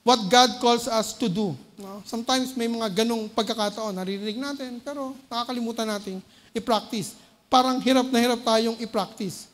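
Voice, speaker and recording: A man with a Filipino accent preaching a sermon. He often asks the congregation "no?" and moves between loud urgent bursts and low quiet asides. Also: normal speed. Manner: keeps checking with the congregation by tagging "no?" onto phrases. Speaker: lay preacher. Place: church hall. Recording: long reverb of a church hall.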